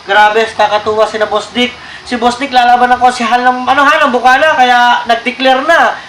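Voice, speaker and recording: A man's voice: very high-pitched, steady tone, a little fast, pushed and bright. A man hosting his own vlog outdoors by the sea, chatting casually and thanking his viewers often. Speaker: vlogger host. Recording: echoey with faint noise.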